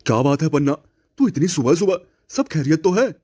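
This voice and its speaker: Earnest pleading village farmer in a cartoon tale, a guy voicing him, voice pitched up and lively. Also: a little fast, slight background noise. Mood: friendly. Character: honest loyal village farmer, middle-aged man. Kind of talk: cartoon story voice acting.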